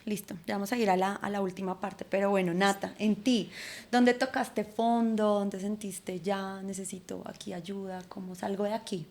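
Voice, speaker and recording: A woman from Colombia hosting a church podcast, asking her guest calm follow-up questions. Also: medium pitch, moderate pace, vocal fry. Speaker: podcast host. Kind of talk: interviewing a guest.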